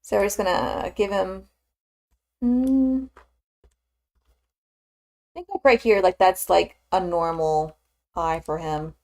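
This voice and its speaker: This Southern U.S. woman in her twenties streams herself 3D modeling, rambling in casual chat with many fillers. She speaks slowly in a low, darkish voice with a steady tone and long pauses.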